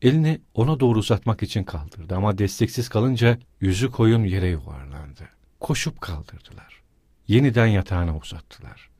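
A male audiobook narrator with a low, husky voice. He reads in a measured, dramatic way, close and dry with no room echo. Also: expressive, dark tone. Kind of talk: scripted narration.

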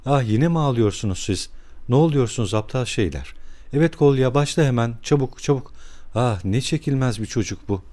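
A man voicing a proud, desperate widowed mother who speaks in a shrill, frantic, theatrical way. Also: expressive, a little fast, dark tone, lightly acted. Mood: scolding.

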